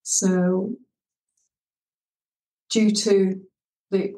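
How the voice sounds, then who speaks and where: A woman's voice: mid-range voice, level tone, drawn-out words, warm tone, distant mic. A Scottish woman in her thirties, a well-being coach talking earnestly and reflectively as a podcast guest. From Scotland. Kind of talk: podcast interview. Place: home in Turkey, remote call. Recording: echoey room, off-mic, faint music.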